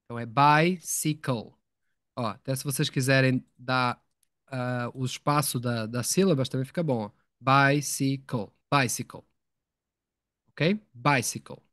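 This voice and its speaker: A man's voice: medium pitch, a little slow, fairly bright tone, no echo, clean studio sound. A man teaching English in a live online lesson, explaining patiently, repeating words and asking his students questions.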